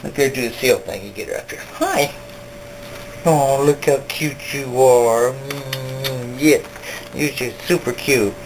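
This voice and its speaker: A woman's voice: very deep voice, a little slow, noisy background. A woman dog breeder chatting casually and coaxing puppies indoors at home. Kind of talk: casual chat and baby talk to puppies. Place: indoors, home kitchen area.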